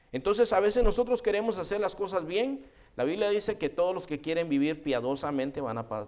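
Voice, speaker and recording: A middle-aged man preaching a sermon as pastor, animated and often calling listeners "hermano". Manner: acts out quoted voices with rising pitch.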